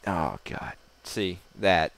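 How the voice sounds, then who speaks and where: A man's voice: sits low, animated, drawn-out words, gravelly, a bit bright. A man giving casual, rambling gameplay commentary, self-deprecating and swearing now and then. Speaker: gamer. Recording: noisy home mic recording.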